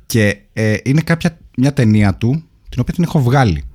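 A man, co-hosting a podcast, chatting casually about films in a relaxed way with hesitant fillers. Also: medium pitch. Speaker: podcast co-host. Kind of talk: casual film chat.

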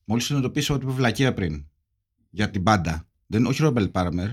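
A man co-hosting a casual film podcast, talking in an animated way and acting out little scenes. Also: on the low side, husky. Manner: animated, acts out phone calls in funny voices. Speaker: podcast co-host.

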